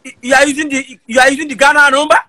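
A man's voice: very high voice, level tone, racing, sharp tone, low-quality recording. A man on a phone video call, insistently repeating himself and defending his story. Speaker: caller. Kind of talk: casual video-call banter.

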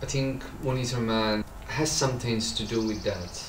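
A man in his thirties from Morocco, an artist speaking slowly about his work and searching for words. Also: mid-range voice, roomy sound, recorded from a distance, noisy background. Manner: slow, halting, searching for words. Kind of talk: reflective interview voice-over.

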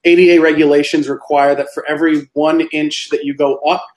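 A man's voice: on the high side, little pitch movement, brisk, a little mellow, echoey room, a little hiss or hum, poor audio. A man who designs tiny houses, reading out viewer questions and explaining answers in a live Q&A. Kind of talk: live Q&A chat.

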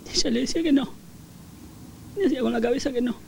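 Gravelly Argentine woman giving testimony. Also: high-pitched, slight background noise, poor audio. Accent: Argentine Rioplatense. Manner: halting, filler-heavy retelling. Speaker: victim's relative giving testimony. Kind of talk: recounting events in an interview.

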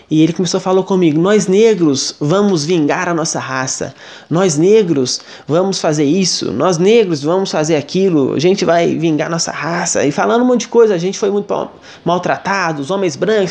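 Fast-talking high-voiced Brazilian man. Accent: Brazilian Portuguese. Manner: earnest, animated, often adds "né". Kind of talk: personal testimony.

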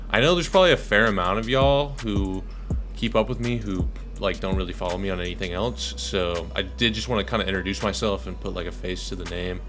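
A young man from Dallas, Texas, with a deep monotone voice records a casual thank-you vlog to camera as videographer and channel host. He's laid-back and rambling with many ums, speaking from a small pink-lit bedroom indoors.

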